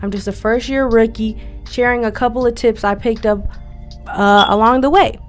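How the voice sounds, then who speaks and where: A woman's voice: fairly high pitch, steady tone, moderate pace, faint music behind. A young woman vlogger sharing friendly, encouraging tips as a first-year scare actor, in a chatty, upbeat way. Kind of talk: friendly tips vlog, partly scripted.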